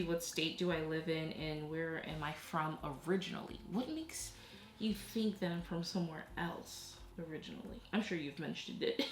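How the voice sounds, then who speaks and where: A woman's voice: on the low side, fairly bright tone, a little hiss or hum. A woman who grew up in Haiti, chatting casually while she does a craft project, laughing often and trailing off mid-thought. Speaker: vlogger. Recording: echoey room.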